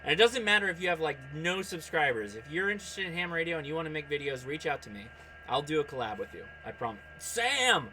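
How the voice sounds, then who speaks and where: A man with a bright, forceful, slightly high voice hosts a casual ham radio livestream, chatting and keeping up a running commentary as he operates his radio. He talks quickly and excitably, reacting aloud and addressing viewers and contacts by name. The low-quality recording carries faint background noise.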